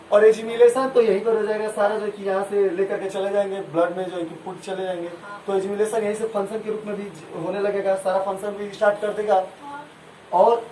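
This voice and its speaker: A male school science teacher, his voice high with a darkish tone, teaches a class in call-and-response style, asking questions, having them repeat answers, and giving homely examples. The recording comes from a distant mic in a noisy, echoey room.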